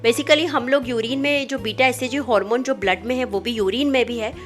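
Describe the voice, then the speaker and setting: A woman gynecologist explaining pregnancy testing in a calm, clinical manner, with small fillers as she talks. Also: fairly high pitch, a little fast, faint music behind. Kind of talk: medical explainer conversation.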